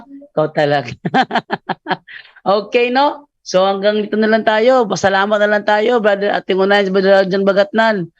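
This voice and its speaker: A hoarse man, a priest hosting a live show, who taunts his opponents and repeats his rebuttals in a raised voice. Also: high voice, steady tone, a little slow, lo-fi sound. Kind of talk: combative live apologetics commentary.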